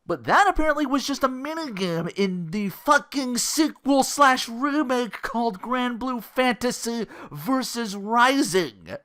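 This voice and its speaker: Unhurried and with few pauses, this medium-pitched host riffs alone about video games. The talk is casual and rambling, loaded with profanity, lively asides, and acted-out reactions.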